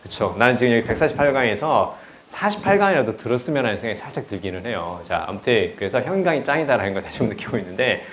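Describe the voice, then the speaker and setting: A man's voice: mid-range voice, very animated, racing, few pauses. A man teaching English in a casual lecture, chatty and blunt, often swearing and checking with students. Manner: chatty, blunt and profane, asks students "right?". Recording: roomy echo.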